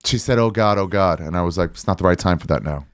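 A guest comedian in his forties gives a casual comedic read on a podcast, sarcastic and exasperated, speaking fast in a deep voice. He's close on a headset studio mic in a small indoor podcast studio, with no room sound.

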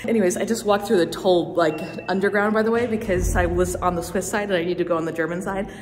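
A woman's voice: on the low side, fairly quick, a little hiss or hum. A young woman vlogging casually to a handheld camera, chatty and bubbly, saying "like" a lot. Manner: chatty and bubbly, heavy use of "like". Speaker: travel vlogger. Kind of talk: casual vlog chat to camera.

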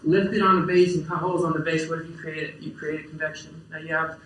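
A young man with a slightly high voice gives a conference talk about farm tools. His delivery is relaxed and unscripted, with frequent fillers and restarted phrases. The sound is picked up from out in the audience, so the lecture hall's echo is clearly audible. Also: fast, a little hiss or hum. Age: young adult. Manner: casual, many fillers and restarts. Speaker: farmer giving a talk. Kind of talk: conference presentation. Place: lecture hall. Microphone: distant camera in the audience. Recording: roomy lecture hall echo.

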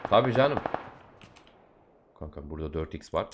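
A man's voice: extremely low pitch, animated, normal speed, dull audio, background noise. A young man hosting a gaming video, bantering with a friend and talking to his viewers as they play. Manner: joking banter, addressing viewers. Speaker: gaming channel host. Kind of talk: casual gameplay chat with a friend.

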